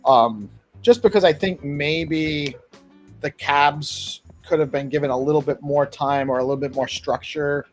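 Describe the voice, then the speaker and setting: Slightly high-voiced male host. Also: measured pace, faint music behind. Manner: emphatic, repeats points for stress. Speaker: talk show host. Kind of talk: casual live community talk.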